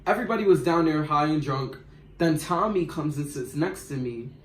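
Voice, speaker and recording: A man's voice: fairly high pitch, moderate pace. A young man tells a rambling, slangy story in a casual storytime. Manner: slangy, rambling, animated retelling. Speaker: vlogger. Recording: roomy echo.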